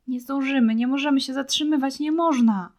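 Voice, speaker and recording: A woman's voice: sits high, fairly quick, pitched above the performer's own voice, close to an everyday voice. A woman voicing a desperate young boy. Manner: pleading, then shouting in anger. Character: frightened, stubborn young boy. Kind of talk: storybook reading.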